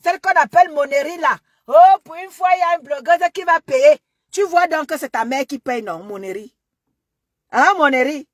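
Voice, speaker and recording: A Cameroonian woman with a Cameroonian French accent and a high voice lectures her followers in a long, scolding monologue. She keeps repeating her warnings. The sound is dry and close. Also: dry recording. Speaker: social media commentator.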